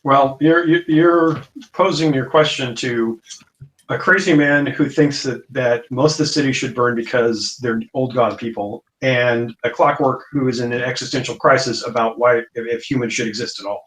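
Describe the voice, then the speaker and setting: A man playing a tabletop game, chatting casually and haltingly as he feels for words. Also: medium pitch, fairly bright tone, rough recording. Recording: faint background noise.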